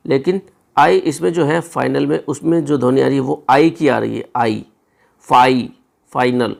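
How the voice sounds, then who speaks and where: Male teacher with a raspy edge to a somewhat high voice, walking learners through exam answers and repeating key words. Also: normal speed, darkish tone. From India. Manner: explains step by step, repeats words, says "ठीक है" often. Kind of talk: exam paper explanation lesson.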